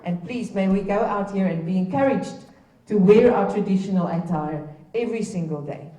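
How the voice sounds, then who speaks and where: Opening a heritage event in a museum, a Namibian woman with Afrikaans as her first language speaks earnestly and exhortingly, sometimes restarting. Her mid-range voice has a dark tone and moderate pace. A distant mic picks her up in an echoey room, with a little hiss or hum.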